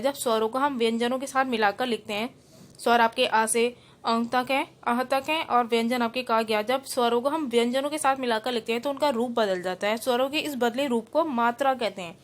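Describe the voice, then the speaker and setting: A woman teacher with a fairly high voice takes students through a grammar lesson. She breaks words apart sound by sound and then explains each rule again more simply, slipping English terms in along the way. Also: brisk. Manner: spells out words letter by letter. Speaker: school teacher.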